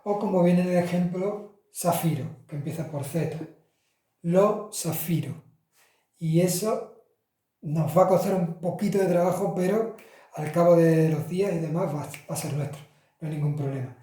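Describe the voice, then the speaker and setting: Man, Spanish speaker, Italian teacher, chatty, self-correcting, slightly high voice, strong room echo. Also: moderate pace, dark tone. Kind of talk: casual classroom explanation. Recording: roomy echo, from far off the mic.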